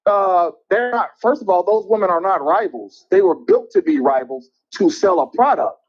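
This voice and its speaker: A man calling in to a show from a parking garage, heard over a phone line that sounds like speakerphone, blunt and opinionated with halting restarts. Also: high voice, sing-song, breathy edge. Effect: phone call that sounds like it is on speakerphone. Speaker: caller. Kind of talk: casual call-in chat.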